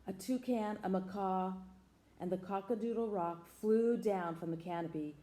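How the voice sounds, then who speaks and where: A woman's voice: mid-range voice, moderate pace, mellow, roomy sound, rough recording. A woman reading a picture book aloud to children, stopping to ask her listeners questions. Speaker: storybook reader.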